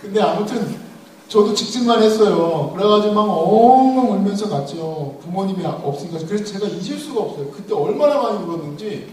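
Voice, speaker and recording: A man's voice: sits high, expressive, a little fast, a little mellow. A man around thirty giving a sermon, telling a funny personal story and speaking straight to his listeners. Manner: humorous storytelling, addressing the audience directly. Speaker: preacher. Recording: echoey hall, mic at a distance.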